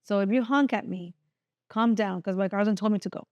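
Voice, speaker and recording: A woman hosting a casual podcast chat, animated and laughing, acting out little quotes. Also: mid-range voice, a little fast, clean tone, no echo. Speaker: podcast host.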